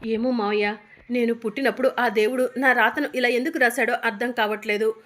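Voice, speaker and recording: Sad young wife in a tv serial, as a lady narrator reads her, bit high, tearful. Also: fairly even intonation, a little fast, a bit bright, lightly acted. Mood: sorrowful. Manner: sorrowful, tearful. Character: grieving young daughter-in-law, gentle.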